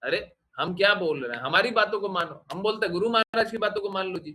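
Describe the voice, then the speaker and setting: A man's voice: high-pitched, fast, pushed and bright. A man giving a devotional talk to his followers, scolding and questioning them, slipping English phrases into his speech. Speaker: spiritual teacher.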